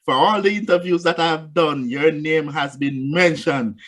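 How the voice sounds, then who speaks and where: A man's voice: fairly high pitch, measured pace, a bit bright. A man hosting an interview, speaking animatedly and addressing the listeners directly. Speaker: interview host.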